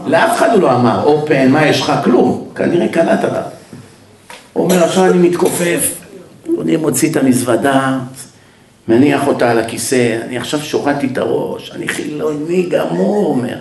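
A rabbi tells a story in a Torah lecture, his voice pitched a little high for a man. He acts out the lines of each person in his tale. The room around him has a clear echo. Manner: animated storyteller who acts out the dialogue. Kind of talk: storytelling sermon.

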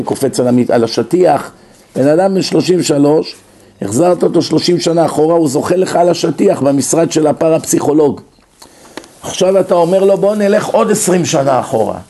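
A man giving a lecture, telling stories and acting out quoted dialogue as he goes. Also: warm tone. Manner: storytelling, acts out quoted dialogue with shifts in pitch. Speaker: religious lecturer. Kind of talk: lecture on the mind and soul.

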